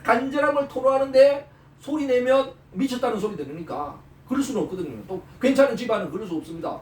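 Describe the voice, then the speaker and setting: A male pastor preaching a sermon, animated, throwing out rhetorical questions and prompting the listeners. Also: very high-pitched, quick pace. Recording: roomy, from far off the mic.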